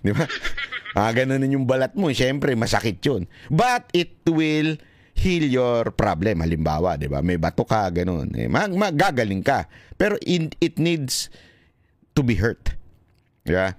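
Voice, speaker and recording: A man with a Filipino accent giving casual political commentary, animated and laughing often. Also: mid-range voice, unhurried, dry recording. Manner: animated, laughing often, switching between Tagalog and English.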